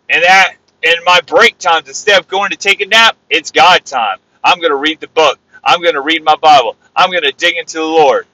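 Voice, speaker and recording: A man preaches on his own podcast in a bright, ringing voice pitched a little high. He repeats his phrases like a preacher and now and then rises to loud exclamations. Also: poor audio. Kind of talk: informal sermon.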